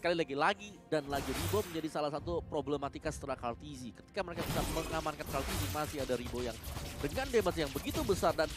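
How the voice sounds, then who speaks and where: A man's voice: fairly high pitch, lively intonation, fast talker. An Indonesian man giving analytical commentary on a live esports match. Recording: very loud music behind the voice. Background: very loud music.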